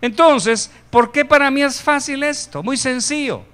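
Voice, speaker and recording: A man from Guatemala preaching a sermon, animated, jumping to loud emphasis and joking asides with the congregation. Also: very high-pitched, unhurried. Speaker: pastor.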